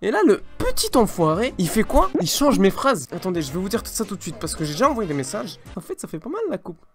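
A man's voice: high voice, big pitch swings, fast talker, music in the background. A young man doing a comic rant to the camera, mock-angry and full of slang, breaking into laughter. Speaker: comedy vlogger.

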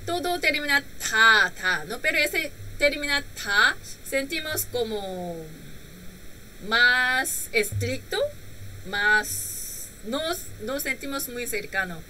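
A woman whose first language is Korean leads a live-streamed language lesson. Her voice is very bright and a little high, with a lively, swooping pitch. She talks patiently and slowly through each point, often checking in with a questioning "right?". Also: a little hiss or hum, poor audio. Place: home room.

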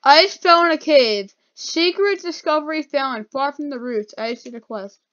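Wearing dental retainers that slightly change her speech, a woman casually commentates her gameplay in a high, a bit bright voice at a moderate pace, recorded on a dull lo-fi mic with keyboard clicks.

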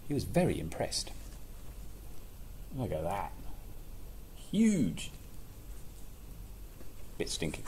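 Reading a children's picture book with lots of expression, this thirty-something man speaks in a low, slightly mellow voice that swoops wildly in pitch, moving extremely slowly and pausing often. Between passages he drops in playful, chatty remarks. The clearly noisy recording comes from a small, plain indoor room resembling an office.

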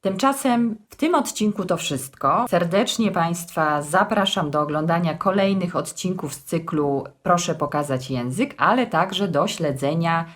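A woman explaining grammar rules in a formal, measured way with touches of dry humour. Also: on the low side, expressive. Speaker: text editor hosting a language series. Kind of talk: scripted language lesson.

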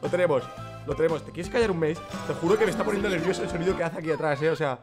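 Young man, high voice, excitable gameplay commentary over music, swears a lot. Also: rapid-fire. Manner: excitable, joking, swears often. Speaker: gaming youtuber.

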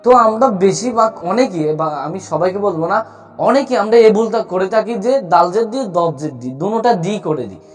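High-voiced man teaching recitation. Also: animated, soft background music. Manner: explains slowly, repeats letter sounds for drill. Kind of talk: spoken tutorial.

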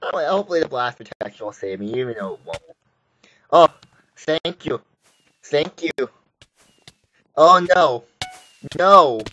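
A man talks through his gameplay in a loose, rambling way, cracking jokes and breaking into sudden exclamations. His voice sits at an ordinary middle pitch. It comes across as casual commentary from a video host. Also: very animated, normal speed, pauses often, a bit bright, slightly rough, muffled recording. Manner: rambling, jokey, exclaims often. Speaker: gaming YouTuber.

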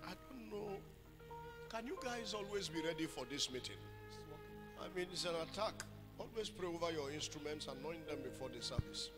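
A man preaching a fervent sermon into a pulpit microphone, now and then breaking into loud sung cries. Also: fairly high pitch, expressive, moderate pace. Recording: long hall reverb with music behind.

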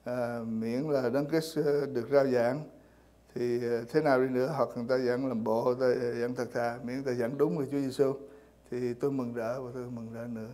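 A man's voice: medium pitch, level tone, fairly quick, dark tone. A man preaching a sermon in church, speaking hesitantly with many fillers and repeated words. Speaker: pastor.

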